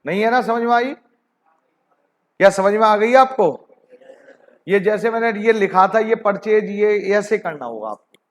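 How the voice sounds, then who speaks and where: In an online accounting lesson, a male commerce teacher speaks in an animated, high-pitched voice, slowly reading out the figures. He calls his students "beta ji" and keeps nudging them along with repeated questions.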